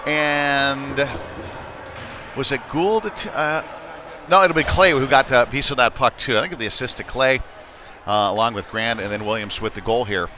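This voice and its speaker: A man with a medium-pitched voice calls play-by-play for a youth hockey game at normal speed, sounding conversational, a bit hesitant and unpolished. Noisy ice rink game sounds fill the live recording.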